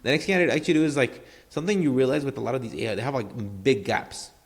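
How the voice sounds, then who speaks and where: The medium-pitched host moves quickly through his casual screen-share marketing tutorial. Rambling and filler-heavy, he tosses in tag questions and says "obviously" and "right" again and again.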